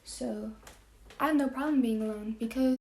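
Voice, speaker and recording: A teenage girl talks frankly in a casual vlog, laughing often and dropping into soft asides. Her voice sits a little high. The room around her is echoey. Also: moderate pace. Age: teens. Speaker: vlogger.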